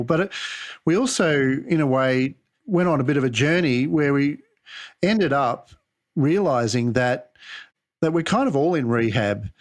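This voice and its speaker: A man hosting an interview podcast, speaking casually with frequent restarts and fillers. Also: medium pitch. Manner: hesitant, many restarts and fillers. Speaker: podcast host. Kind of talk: conversational interview.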